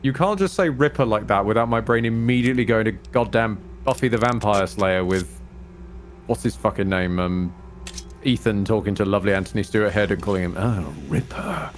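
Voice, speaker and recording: A man's voice: lowish voice, fairly quick, a little hiss or hum. A man co-hosting a game stream in casual banter, rambling and joking in a wry way. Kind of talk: casual gaming banter and commentary.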